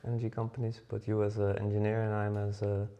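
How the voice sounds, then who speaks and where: A man's voice: lowish voice, completely flat delivery, fast, warm tone. A Dutch man in his forties co-hosting a podcast, chatting casually with many fillers and restarts. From Netherlands. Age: 40s. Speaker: podcast co-host. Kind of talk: casual chat.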